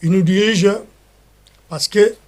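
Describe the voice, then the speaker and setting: A Congolese man with a Congolese French accent speaks in a high voice as a guest in a heated political interview. He talks passionately and repeats words, restarting his sentences as he pushes his point. His French is mixed with Lingala phrases. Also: measured pace. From Democratic Republic of the Congo. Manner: impassioned, repetitive, stumbling restarts.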